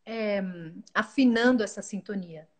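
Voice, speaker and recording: A woman, giving a calm, earnest spiritual talk as a guest, often restarting her words mid-phrase. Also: medium pitch, measured pace. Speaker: guest speaker.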